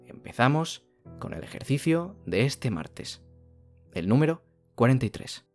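A man from narrates a guided meditation like a sleep story narrator, soothing and unhurried, leaving long pauses. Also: medium pitch, big pitch swings, a little mellow. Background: background music.

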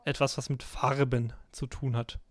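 A man's voice: medium pitch, normal speed, no room sound. Teasing young man hosting a podcast. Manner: teasing, animated, laughs often. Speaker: podcast host. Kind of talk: casual podcast chat.

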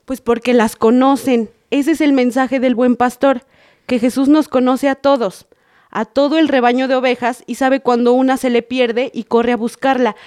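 A woman playing a Mexican mother in a family skit with a high, bright voice. She is stern when the kids misbehave, then patient and gentle as she explains things to them. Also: natural voice.

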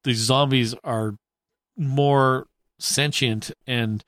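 A man's voice: mid-range voice, steady tone, drawn-out words, fairly bright tone, dry recording, clean studio sound. Joking, swearing man on a podcast. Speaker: podcast co-host. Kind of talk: casual podcast chat.

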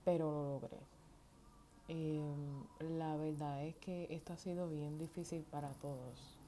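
Steady, unhurried, and dark in tone, this low-voiced woman from Puerto Rico speaks with a Puerto Rican Spanish accent. She hosts a loose, rambling solo podcast full of slang and occasional English words, recorded at home where faint sounds from the yard come through.

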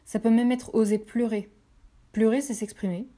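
A French woman with a fairly high, mellow voice hosts a motivational podcast at a moderate pace and a steady tone. She speaks straight to her listeners, encouraging them and repeating phrases for emphasis.

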